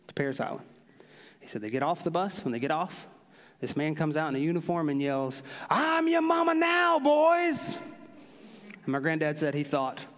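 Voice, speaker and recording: Male pastor, fairly high voice, storytelling sermon, big reverberant church hall. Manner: storytelling, animated, drawn-out emphasis. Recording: long reverb of a large hall.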